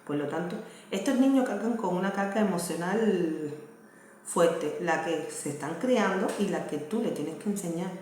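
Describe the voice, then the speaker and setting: A Cuban woman in her thirties speaks with a Cuban accent, talking earnestly and conversationally to camera. Her voice sits a little low. It rings around a very echoey room over a faint hiss. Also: animated, moderate pace, a little mellow. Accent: Cuban Spanish. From Cuba. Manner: earnest, conversational, asks "¿me entiendes?". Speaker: vlogger, mother. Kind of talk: casual talk to camera.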